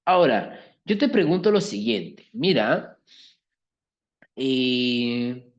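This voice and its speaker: Teacher, male, animated pitch, explains patiently, keeps asking if the class follows. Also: slow, highs cut off. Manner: keeps checking understanding with tag questions. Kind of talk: explaining a language exercise to a class.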